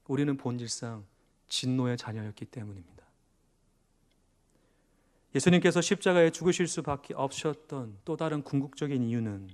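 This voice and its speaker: Korean pastor preaching with dramatic dynamics. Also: male voice, mid-range voice. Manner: dramatic swings from loud emphasis to hushed near-whispers; asks questions and answers them himself. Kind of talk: sermon. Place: church.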